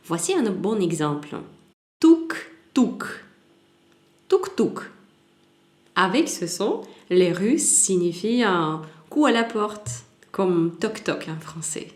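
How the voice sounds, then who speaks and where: A woman teaching a language lesson, slowly repeating each example word so it can be copied. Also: fairly low pitch, darkish tone. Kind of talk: slow spoken language lesson. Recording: roomy echoey room.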